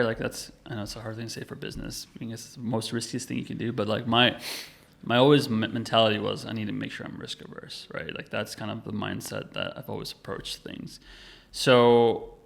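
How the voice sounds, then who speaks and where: A man's voice: mid-range voice, steady tone, moderate pace, gravelly, a bit bright. A man in his thirties talking casually as a podcast guest, rambling loosely with lots of fillers and self-corrections. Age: 30s. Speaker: podcast guest, company founder. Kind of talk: casual interview talk.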